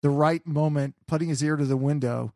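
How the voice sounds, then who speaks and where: Gravelly man ranting casually. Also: on the high side, steady tone, fairly quick, darkish tone, dry recording, studio quality. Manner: swearing, rambling with restarts. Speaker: podcast co-host. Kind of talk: casual chat.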